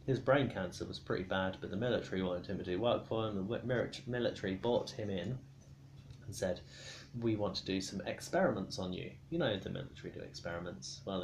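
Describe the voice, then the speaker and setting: A drunk man giving a rambling, casual explanation, halting and stumbling over his words, argumentative. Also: low-pitched, slight background noise. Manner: swears casually. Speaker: storyteller explaining comic book lore.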